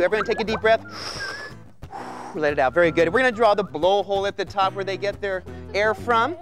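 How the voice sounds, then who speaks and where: Middle-aged man, American accent, very high voice, hyped children's show host, surfer slang, drawing instructor, music behind. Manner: excitable surfer-dude patter full of slang. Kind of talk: hyped kids' TV presenting, step-by-step drawing instruction. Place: TV studio set with children as audience.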